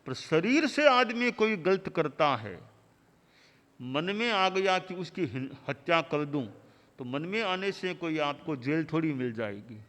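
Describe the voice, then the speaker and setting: A man delivering a sermon as a spiritual teacher, in measured, rhythmic lists of short phrases. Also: on the high side, big pitch swings, fairly bright tone. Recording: long hall reverb.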